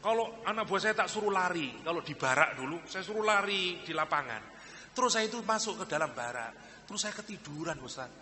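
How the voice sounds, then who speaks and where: A man with a Javanese accent voicing a remorseful former army officer who speaks softly and pleads. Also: high voice, animated, brisk, in a large hall, a little hiss or hum.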